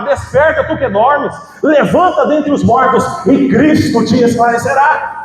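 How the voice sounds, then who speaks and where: High-voiced fervent male preacher. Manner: fervent testimony, calls listeners "irmão". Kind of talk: sermon. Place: church. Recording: reverberant church hall with faint music.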